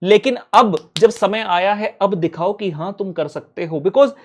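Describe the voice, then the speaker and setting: A man's voice: high voice, a little slow, a little hiss or hum. A young man coaching accountancy students, giving a blunt, urgent pep talk that mixes Hindi with English. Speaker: CA exam coach.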